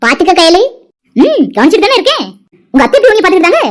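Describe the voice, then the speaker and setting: Chatty village women in a cartoon family drama, voiced by a woman, a young wife and her aunt trading gossip. The voice sits very high and rattles along at a rapid-fire pace, with lively rises and falls. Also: music in the background. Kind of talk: animated family drama dialogue.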